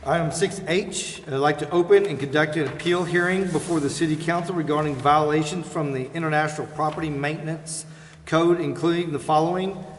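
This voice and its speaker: Reading agenda items as the presiding official, this American man keeps a steady tone at a fairly quick clip, his voice a little high. The formal public meeting takes place in an echoey council chamber, and background noise comes through clearly.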